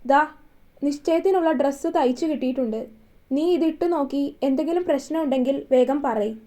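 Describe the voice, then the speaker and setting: A woman voicing a stern, busy middle-aged mother in an audio story, speaking briskly and nagging. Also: sits high, warm tone, close to an everyday voice.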